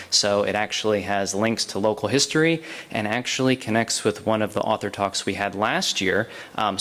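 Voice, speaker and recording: A man's voice: lowish voice, fairly bright tone. A man hosting a historical society event, giving announcements and introducing the guest speaker, informal with many fillers. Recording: long reverb in a hall.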